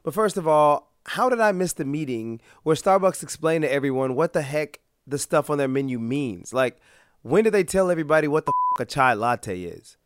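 An American man hosting a vlog, hoarse from being sick, giving a comedic rant in a sarcastic, exasperated manner. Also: on the high side, animated, normal speed, dry recording, studio quality. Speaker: vlog host.

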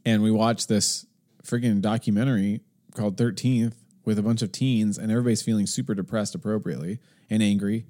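A man's voice: on the low side, fairly even intonation, a little fast, dark tone. A man co-hosting a casual talk show, ranting animatedly and acting out what other people say. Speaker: podcast co-host. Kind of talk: casual conversation.

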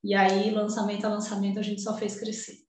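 A woman's voice: medium pitch, monotone, a little fast, a little mellow, distant mic, a little hiss or hum. A woman with a Brazilian Portuguese accent, an entrepreneur guest telling her story in a chatty, emotional way with lots of slang fillers. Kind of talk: casual storytelling. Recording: very echoey room, voice off-mic.

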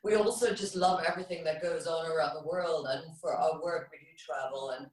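A woman's voice: sits low, fairly even intonation, fairly quick, a little mellow. A woman from Germany, a DJ and radio co-host, chatting casually in an interview, laughing often and restarting her sentences over a video call. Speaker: DJ and radio show co-host, guest. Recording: roomy and distant.

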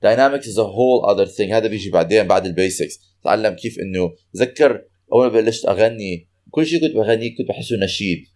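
Male, lowish voice, rapid casual explainer, Levantine Arabic accent, code-switching into English mid-sentence. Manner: animated explainer, hesitant repeated words. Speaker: guest who takes singing lessons.

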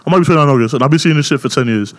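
A man, hosting a casual podcast chat, loud and joking in street slang. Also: mid-range voice, very fast. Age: 20s. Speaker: podcast host.

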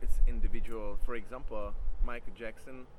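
A man from the Czech Republic with a Czech accent, answering interview questions casually in a halting, rambling way as he searches for words. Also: lowish voice, steady tone. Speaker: interviewee, photographer. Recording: noisy outdoor urban traffic background.

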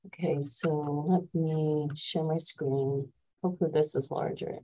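A woman's voice: sits low, fairly even intonation, unhurried, dark tone. A woman presenting at a work meeting over a video call, speaking hesitantly with fillers and restarts. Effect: heard over a video call. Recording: muffled video call audio.

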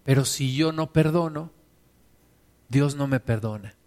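A man's voice: medium pitch, measured pace, a little mellow. A man preaching a sermon with an emphatic, repetitive cadence.

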